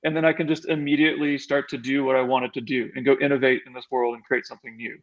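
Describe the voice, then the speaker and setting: A man's voice: mid-range voice, level tone, fast, lo-fi sound. A man appearing as a guest on a tech podcast, chatting in an easygoing, enthusiastic way. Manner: enthusiastic, easygoing, laughs often. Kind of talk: casual tech chat.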